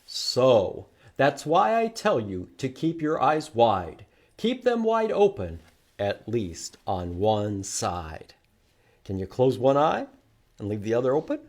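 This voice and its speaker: A man hosts a children's library storytime, reading aloud slowly at medium pitch. His delivery is animated and sing-song, with questions and repeated words for the young listeners.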